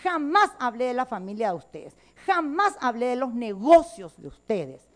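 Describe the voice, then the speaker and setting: A woman's voice: on the high side, sing-song, normal speed. A woman legislator with a Paraguayan Spanish accent giving a combative, emphatic floor speech in a legislative chamber.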